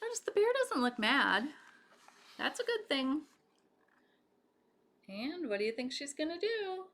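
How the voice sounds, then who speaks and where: With a high-sitting voice and measured pace, a woman reads a children's story aloud in an expressive, animated way. She addresses her young listeners directly, asking them questions.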